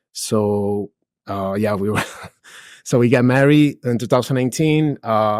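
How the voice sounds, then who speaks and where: In a casual interview, a real estate investor in his forties who was raised in Peru talks as a podcast guest in a relaxed, chatty way, sprinkling in "dude" and "bro" and restarting many times. His voice leans low, and the recording is dry and of studio quality.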